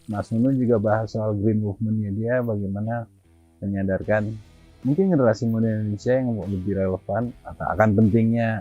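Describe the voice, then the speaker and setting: A man's voice: on the low side, darkish tone, muffled recording. A man hosting a travel vlog in an easygoing, agreeable manner with casual slang. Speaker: vlog host. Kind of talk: vlog narration and chat.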